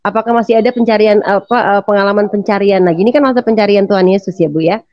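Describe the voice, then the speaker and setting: A woman interviewing a guest, asking her questions haltingly and searching for words. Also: medium pitch, fairly even intonation, no echo. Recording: dry, dull lo-fi sound.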